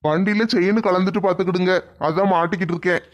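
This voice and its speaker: A man's voice: high voice, steady tone, fast, close to an everyday voice. A man voicing a defiant young village man, evasive and argumentative. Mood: defensive. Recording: dull lo-fi recording.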